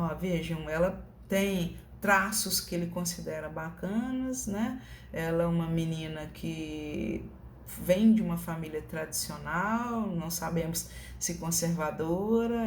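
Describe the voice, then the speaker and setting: A woman's voice: on the low side, darkish tone, roomy sound, a little hiss or hum. A woman with a Brazilian accent, giving a casual online lecture from a room at home and often checking in with her listeners. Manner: conversational, many tag questions. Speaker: teacher.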